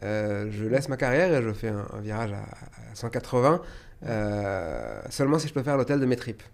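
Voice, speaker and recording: With a fairly low, expressive voice marked by vocal fry, this podcast guest speaks at a moderate pace. A hotelier from France by way of a Tunisian birth, he tells stories in an emphatic, conversational style.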